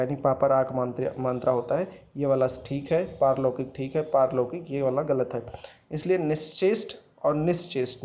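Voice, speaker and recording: A man in a teaching role works through a spelling lesson for exam prep. He explains patiently and repeats each wrong and right form, gesturing toward written words as he goes. His voice sits at a middle pitch, and the recording sounds somewhat muffled and lo-fi. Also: dark tone. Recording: dull lo-fi sound.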